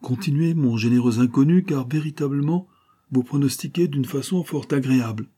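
A fearless, chivalrous adventurer, played by a male narrator who meets every objection with calm irony. His lines sit a little higher than the reader's low, dark, husky voice. It is a storybook reading. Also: fairly quick. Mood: ironic, commanding. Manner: gracious, ironic, confident. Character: bold gallant male adventurer, ironic and fearless.

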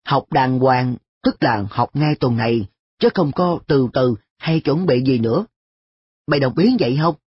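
Reader doing a bossy schoolboy, husky voice, dull dry lo-fi audiobook sound. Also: medium pitch, measured pace, no room sound. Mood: persuading. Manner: sharp, exasperated questioning. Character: earnest scolding schoolboy narrator. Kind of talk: audiobook dialogue.

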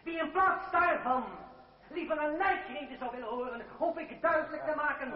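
In an old radio drama, a man with a very high-pitched voice plays a defiant, eloquent young revolutionary deputy addressing an assembly, speaking at normal speed with resolute, sardonic, formal rhetoric. The dull old recording sounds distant and muffled in an echoing hall, with a noisy crowd in the background.

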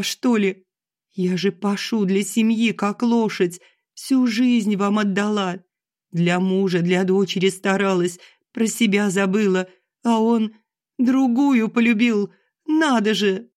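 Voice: medium pitch, darkish tone, voice pushed up, lightly acted. A narrator voicing an aggrieved middle-aged wife who complains shrilly and sarcastically through tears, in an audiobook. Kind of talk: audiobook character reading.

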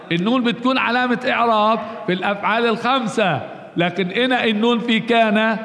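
Guy teaching grammar, pretty high voice, keeps asking questions then answering them, big echoey room. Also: a bit bright. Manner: slow, repetitive explaining with rhetorical questions he answers himself. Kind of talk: classroom grammar lesson. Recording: long reverb, roomy hall.

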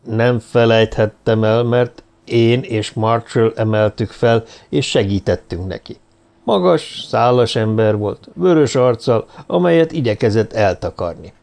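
A man voicing a gruff, resentful police constable in an audiobook, defensive and slow to answer. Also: mid-range voice, animated, darkish tone. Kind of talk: audiobook character voice.

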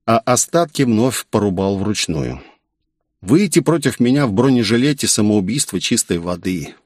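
A man's voice: on the low side, a little mellow, no room sound, studio quality. A man narrating a first-person audiobook in a cool, sardonic manner.

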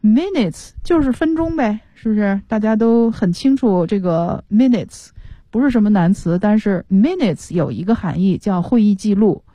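A woman's voice: mid-range voice, expressive, normal speed, warm tone, dry recording. A woman English teacher on a studio radio show, patiently explaining pronunciation step by step.

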